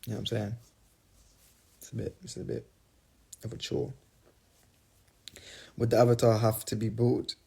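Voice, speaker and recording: A man's voice: mid-range voice, flat delivery, normal speed, vocal fry, pauses often, warm tone, slightly rough. A young man casually reading fan questions aloud and answering them on a phone livestream, rambling and playful. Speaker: singer answering fans on a livestream.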